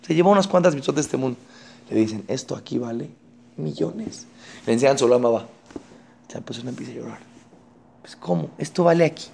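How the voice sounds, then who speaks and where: A man giving a sermon, telling a parable and acting out its characters with sudden loud, high bursts and hushed, low asides. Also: lively intonation, fairly quick, gravelly, long pauses, slight background noise.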